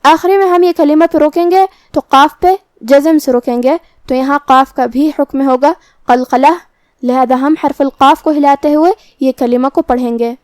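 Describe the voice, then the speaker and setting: A woman teaching Quran recitation, explaining each letter methodically and then reciting the verses slowly. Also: high voice, fairly even intonation, darkish tone, no echo.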